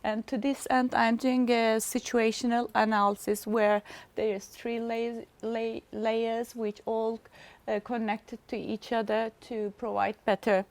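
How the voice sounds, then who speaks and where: A middle-aged woman gives a formal seminar presentation. Her voice sits a little high with a gravelly fry, and she halts often to find her words. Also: flat delivery, no room sound. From Turkey. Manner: halting, searching for words with frequent pauses.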